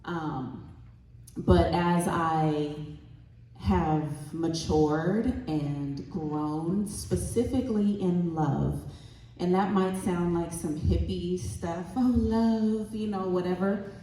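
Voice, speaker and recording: A woman with a fairly low, mellow voice speaks slowly on a convention panel, earnestly sharing her experience as the mother of a child who stutters. The recording picks up hall echo, distance from the mic, and slight background noise.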